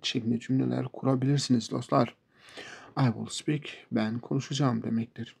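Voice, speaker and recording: Turkish-accented male English teacher, patient and repetitive, gravelly and husky. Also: mid-range voice, steady tone, a little mellow. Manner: slow, repeats words and example sentences. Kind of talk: explaining English verbs to beginners.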